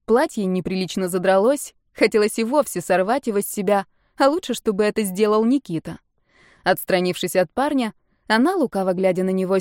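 A woman narrating a romance audiobook in an even, measured way. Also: mid-range voice, dry recording, clean studio sound.

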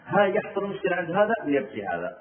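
A man telling a story in a sermon, animated and acting out the voices of the people in it. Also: sits high, very fast, echoey room, far from the mic, crowd noise. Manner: animated, acts out the quoted voices, breaks into explanation. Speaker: preacher. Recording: tinny phone-like line.

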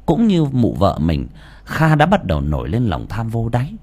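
A male storyteller reading an audiobook with a husky voice. His pitch moves in wide, lively swings, and he reads in an expressive, dramatic manner. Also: moderate pace.

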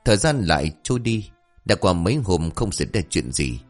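A man's voice: deep voice, a little fast. A man narrating a comic folk tale and voicing its characters. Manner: lively, voices all characters. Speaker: storyteller. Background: faint music.

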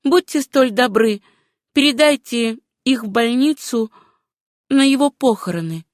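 Woman voicing a young widow, grieving and numb, gentle, insistent, higher voice, dry close sound, storybook reading. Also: a little slow, dry recording, close to an everyday voice. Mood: pleading.

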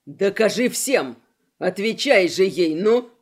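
A woman's voice: lowish voice, lively intonation, moderate pace, a little mellow, voice pushed down. A woman voicing a menacing male fighter who barks orders and hisses threats. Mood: commanding, menacing. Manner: hissing, barking orders.

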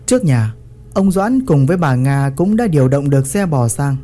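A man's voice: fairly high pitch, sing-song, moderate pace, mellow, faint music behind. A man narrating a village story in a vivid, earthy storytelling manner.

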